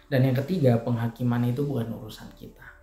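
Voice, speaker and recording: A man's voice: medium pitch, steady tone, quick pace, mellow. Man giving a chatty devotional in an echoey room. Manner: conversational, explaining with everyday examples and fillers. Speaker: church speaker giving a devotional. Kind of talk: casual evening devotional talk. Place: church room. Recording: echoey room with faint music.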